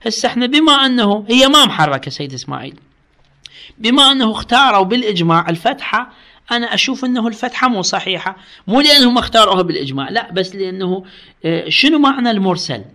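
A man with an Iraqi Arabic accent teaching a religious law lesson, reading the text slowly and then explaining it and quizzing his students. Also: high voice, sing-song, pushed and bright.

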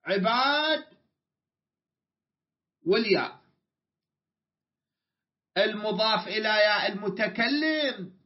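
An Iraqi man with a high voice, lecturing on grammar in a classroom. He draws out and repeats key words and puts questions to his students. The recording is dull and lo-fi. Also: lively intonation, takes it slowly, long pauses. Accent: Iraqi Arabic. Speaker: Arabic grammar teacher.

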